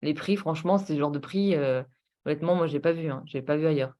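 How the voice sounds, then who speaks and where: Eager woman pitching travel deals. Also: fast, mellow. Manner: enthusiastic, persuasive, full of rhetorical questions and fillers. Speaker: presenter of a travel booking platform. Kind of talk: casual sales presentation over screen share.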